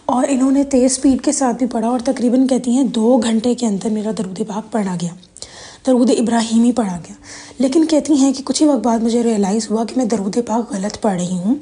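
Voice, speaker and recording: A woman's voice: a little high, mellow. A woman hosting a religious motivational video, casually retelling another woman's story. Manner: conversational, frequent "she says" retelling.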